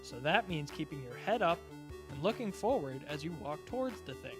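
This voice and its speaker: A man's voice: on the high side, big pitch swings. A man playing a cheerful disembodied male voice that patiently and encouragingly teaches in a parody instructional video. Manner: slow, simple, encouraging, talking as if to a child. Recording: music playing behind the voice. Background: music.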